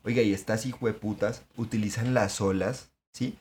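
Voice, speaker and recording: A man, co-hosting a podcast in casual chat, talking in an excitable, emphatic way with plenty of swearing. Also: on the low side, moderate pace, a little hiss or hum. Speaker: podcast co-host.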